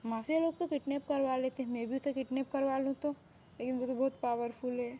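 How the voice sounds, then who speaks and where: A woman's voice: high voice, steady tone, a little fast, natural voice. A woman voicing a mafia boss's spoiled, lovesick younger sister who talks in a demanding, boastful way, in a fan audio drama. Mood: scheming. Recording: tinny phone-like recording, faint hiss.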